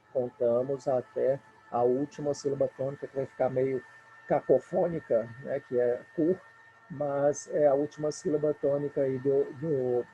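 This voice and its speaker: A man's voice: medium pitch, warm tone, slight background noise, poor audio. A man with a Brazilian Portuguese accent teaching a recorded remote lesson, patiently counting poetic syllables aloud.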